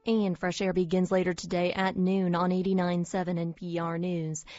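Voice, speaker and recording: A woman radio station announcer giving a steady, scripted read of station IDs, promos and the weather, with a tinny radio sound. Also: lowish voice, moderate pace, faint music behind. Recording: dull lo-fi radio broadcast, dry.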